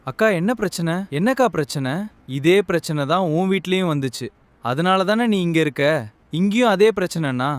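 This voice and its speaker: A man's voice: high voice, animated, moderate pace, no echo. A man acting as a fed-up brother in a family drama, scolding in an exasperated tone.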